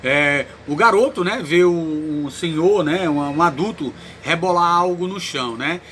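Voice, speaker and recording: A man with a Cearense Brazilian accent teaching a Portuguese lesson, explaining slowly and checking in with "né?" after nearly every phrase. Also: on the high side, a bit bright, slight background noise. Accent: Ceará, Brazil. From Ceará, Brazil. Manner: explains slowly, tags lines with "né?", repeats words. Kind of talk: recorded online lesson.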